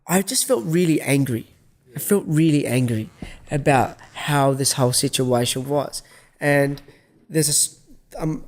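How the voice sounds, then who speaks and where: A man's voice: medium pitch, a little mellow. Aussie guy rambling a story to camera, swears a lot, restarts sentences, mid-aged. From Australia. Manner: rambling, frequent restarts and swearing, acts out dialogue. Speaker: vlogger. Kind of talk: casual storytelling monologue.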